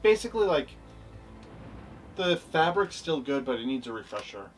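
A man's voice: mid-range voice, very animated, normal speed, slight background noise. Teasing young man chatting on a boat. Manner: upbeat, teasing, laughs often. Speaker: boat-owning video host. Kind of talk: casual chat, boat tour. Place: small wooden boat cabin, indoors. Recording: voice a bit distant, faint music behind.

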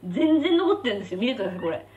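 Young female stream host, casual chatter, lively and fairly high, roomy distant mic. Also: racing, lo-fi sound. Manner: chatty, reacting aloud to spicy food, reads viewer comments. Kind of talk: casual live-stream chat while eating. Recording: roomy, slightly distant mic with faint background hum.

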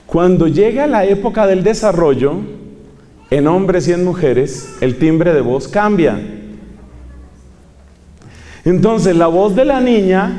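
A man delivers a sermon in a large church hall. His voice sits a little high for a man but sounds mellow and warm. He stresses his points by repeating them and asking the crowd questions, and a long reverb trails behind his words. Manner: emphatic, repeats key phrases and asks the audience questions. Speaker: preacher. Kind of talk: sermon to a congregation.

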